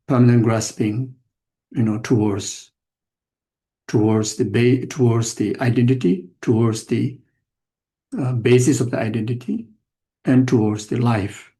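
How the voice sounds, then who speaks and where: An older Buddhist teacher delivers a dharma talk to an audience, his voice gravelly, mellow and pitched in the middle range. He speaks in halting fragments, looping back with repeated words and restarted phrases. The tone remains plain and reflective, edged with self-mockery.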